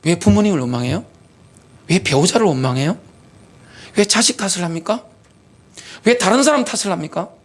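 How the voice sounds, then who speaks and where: A man's voice: sits high, expressive, fairly quick, long pauses. A middle-aged man, a pastor, preaching a sermon animatedly with many rhetorical questions. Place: church sanctuary.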